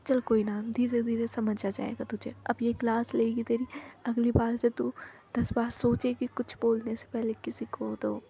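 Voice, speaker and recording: A woman's voice: a little high, little pitch movement, normal speed, vocal fry, warm tone, husky. Feisty scolding college girl, as a woman voices her. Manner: scolding, mock-offended. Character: feisty young female college student, quick to scold.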